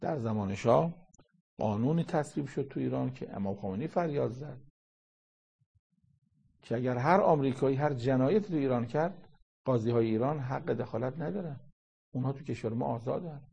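A male preacher explains Quran verses to his listeners. His voice is dark, mellow and a little husky. He recites Arabic lines and presses his point with sharp rhetorical questions. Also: mid-range voice, animated, long pauses. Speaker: Quran commentator. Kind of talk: Quran commentary sermon.

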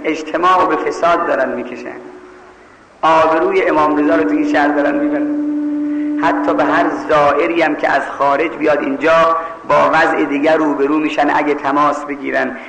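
A man from Mashhad preaching a sermon, telling a story in an animated, scolding way. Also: fairly high pitch, gravelly, reverberant, long reverb tail, slight background noise, rough recording. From Mashhad, Iran.

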